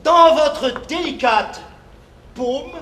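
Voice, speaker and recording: A man's voice: extremely high pitch, extremely slow, sharp tone, full character voice. An actor playing a flamboyant, self-important male showman doctor on stage, grandiloquent and full of stammering theatrical flourishes. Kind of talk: live stage play. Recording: echoey stage recording.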